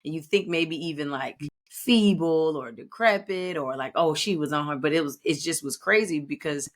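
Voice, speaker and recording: A woman's voice: deep voice, normal speed. A woman in her thirties co-hosting a podcast, talking in a reflective, rambling way with many restarts. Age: 30s. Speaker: podcast co-host. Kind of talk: casual podcast chat.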